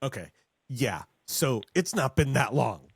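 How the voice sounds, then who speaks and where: A man's voice: medium pitch, big pitch swings, vocal fry, slightly rough, dry recording. Male podcast host, mid-range voice, playful and chatty, dry sound. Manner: joking, chatty, quick asides. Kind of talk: casual chat.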